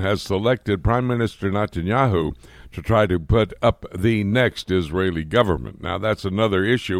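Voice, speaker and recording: Male radio host, low voice, dry studio sound, conversational. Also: dry recording. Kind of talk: radio talk show.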